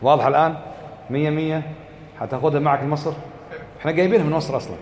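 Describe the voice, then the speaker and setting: A man's voice: on the high side, steady tone, racing, a little mellow, slight background noise. A man teaching a class as a religious teacher, questioning students, repeating points and chanting quoted verses. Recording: echoey hall with faint ambience.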